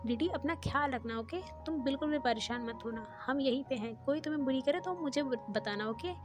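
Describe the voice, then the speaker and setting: Caring young man, gentle and reassuring, voiced by a woman narrator. High pitch. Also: fairly quick, over music, natural voice. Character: caring young man, protective older brother figure.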